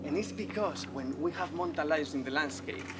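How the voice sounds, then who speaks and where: At a noisy outdoor festival, a Spanish-accented man from Spain who works as a wildlife veterinarian delivers an upbeat, friendly public talk, putting questions to the crowd. He speaks at a normal speed in a slightly high voice.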